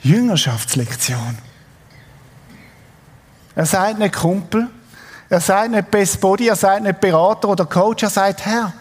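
A man's voice: high voice, expressive, measured pace, long pauses, husky, long reverb tail. A middle-aged man with a Swiss German accent preaching a sermon, telling a story with energy and putting questions to his congregation. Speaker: pastor.

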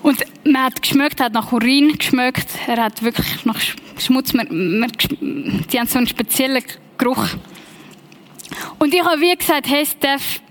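A young woman with a Swiss German accent preaching in a lively, personal storytelling way, dropping in English phrases. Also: high voice, moderate pace. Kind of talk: sermon storytelling.

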